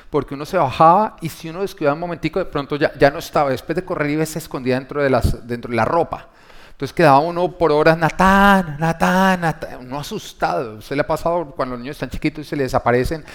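Emphatic man preaching a sermon. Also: on the high side. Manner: asks the congregation rhetorical questions; emphatic, swelling louder on key points. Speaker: pastor.

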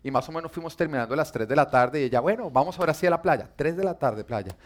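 A man preaching a sermon and telling humorous stories, speaking directly to his audience in a playful, animated way. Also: on the high side, fast.

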